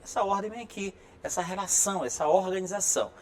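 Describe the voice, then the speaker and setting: A man's voice: high voice, fast. A man with a Brazilian accent teaching a writing lesson on video, friendly and encouraging, who keeps checking in with listeners by asking "right?". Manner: peppers sentences with checking tags like "right?"; friendly, encouraging classroom delivery.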